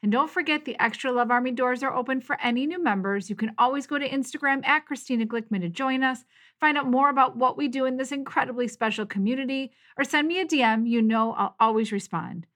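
A woman's voice: sits high, fast talker. A middle-aged woman hosting her own podcast, talking through a personal story in an encouraging, storytelling way. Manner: warm, encouraging, storytelling with lively quoted voices. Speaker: podcast host. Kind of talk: casual solo podcast monologue.

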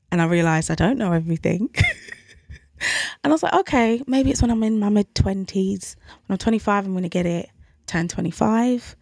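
A woman in her thirties hosts a solo parenting podcast, talking in a conversational, reflective way and openly questioning herself. Her voice sits on the low side, with vocal fry and a darkish tone. The audio is studio quality with no echo.

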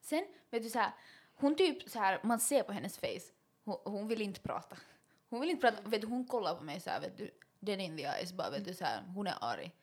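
A young woman with a Finland Swedish accent, co-hosting a podcast and telling a story in a casual chat, animated and laughing, slipping English phrases in. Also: medium pitch, husky. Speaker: podcast co-host.

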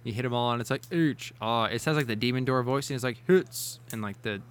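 A man's voice: mid-range voice, steady tone, rapid-fire, fairly bright tone. A man running a casual quiz among friends, rambling with restarts and frequent laughs. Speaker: quiz host. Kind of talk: casual gaming chat.

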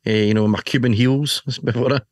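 A man's voice: medium pitch, steady tone, normal speed, slight background noise. A man with a broad Scottish accent chatting casually and jokily as a show co-host, playful and self-deprecating. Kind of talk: casual jokey bike chat.

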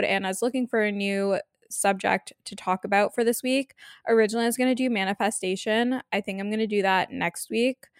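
A woman's voice: medium pitch, clear, resonant tone, dry recording, clean studio sound. A woman hosting a casual solo podcast from her bed, chatting informally with girly slang. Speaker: podcast host. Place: on a bed indoors.

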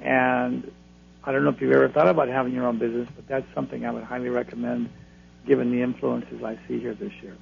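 A man gives conversational advice to radio callers. His voice has a heavy creak to it. He sounds thin and tinny over the telephone, with noise on the line. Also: mid-range voice, level tone, fast. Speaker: card-reading astrologer, radio guest.

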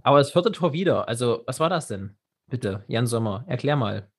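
A man co-hosting a casual football podcast, excitable, swearing casually and restarting his sentences often. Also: medium pitch, moderate pace, husky. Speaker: podcast co-host.

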